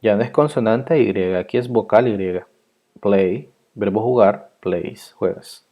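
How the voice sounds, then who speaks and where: A man teaching an English grammar lesson, explaining rules patiently and repeating each example slowly. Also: on the low side, highs cut off.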